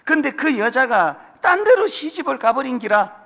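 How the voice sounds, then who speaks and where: A man's voice: extremely high pitch, sing-song, moderate pace, vocal fry, fairly bright tone, pitched above the performer's own voice, heavily acted. A man doing a corrupt old Gyeongsang tycoon. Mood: world-weary. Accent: Gyeongsang dialect. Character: corrupt old male tycoon, scheming and worldly.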